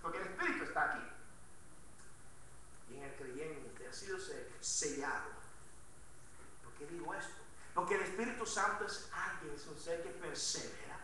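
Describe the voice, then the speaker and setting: A man preaching a Sunday sermon in Latin American Spanish as pastor, swinging between emphatic calls and quiet asides and asking the congregation questions. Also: fairly high pitch, moderate pace, pauses often, slight background noise. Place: church sanctuary. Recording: very echoey church, mic from a distance.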